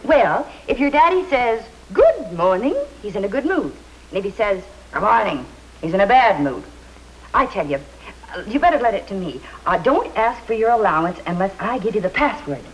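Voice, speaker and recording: An actress playing a patient young mother in a 1950s television sitcom, coaxing and gently teasing. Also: medium pitch, animated, fairly quick, lightly acted. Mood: motherly, coaxing. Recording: noisy 1950s TV soundtrack, audience sound.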